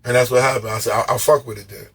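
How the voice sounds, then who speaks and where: Raspy, stammering man telling street stories. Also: medium pitch, racing. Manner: loose, profane, animated storytelling with slangy street talk; stammers and repeats words. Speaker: podcast guest. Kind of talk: casual storytelling interview.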